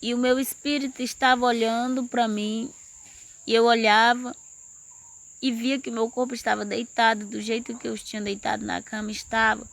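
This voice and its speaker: A woman's voice: fairly high pitch, level tone, normal speed, gravelly, a bit bright, no echo. A woman earnestly telling a personal religious testimony. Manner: earnest storytelling, rising intensity. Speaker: testimony speaker.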